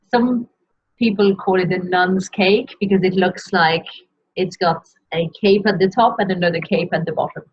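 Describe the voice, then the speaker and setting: A woman teaching French pronunciation in a video lesson, slowly modelling each word for learners to repeat. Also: lowish voice, husky. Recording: dull lo-fi sound.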